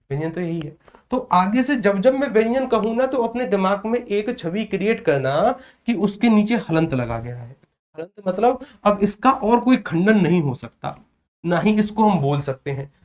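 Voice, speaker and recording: A man teaching an exam prep lesson on Hindi sounds. He fires questions at his students and answers them himself, repeating each point. He sounds out letters one by one, slowly and drawn out. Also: sits high, a little mellow.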